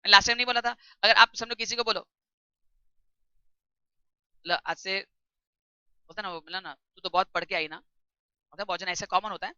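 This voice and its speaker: A woman tutor giving a classroom lecture, reading English text slowly and explaining it in chatty while quizzing her students. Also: mid-range voice, sharp tone, clear, resonant tone, dry recording. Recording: dull lo-fi recording.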